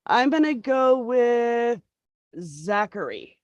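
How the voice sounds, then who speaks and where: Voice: mid-range voice, sing-song, takes it slowly, dry recording, muffled recording. A mobility manager introducing themself with wry jokes on a video call.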